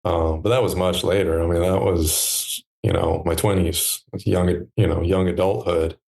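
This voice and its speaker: Guy with a really low voice, chill podcast guest, lots of ums, thinks out loud. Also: steady tone, a little slow, vocal fry. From United States. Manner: reflective, hesitant, many fillers. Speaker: podcast guest, stand maker. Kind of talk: relaxed conversational interview.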